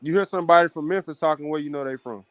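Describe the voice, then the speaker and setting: A man's voice: a little high, very fast, fairly bright tone, no room sound. A man from Arkansas co-hosting a sports podcast, provoking the others with pointed questions in casual debate. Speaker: podcast co-host.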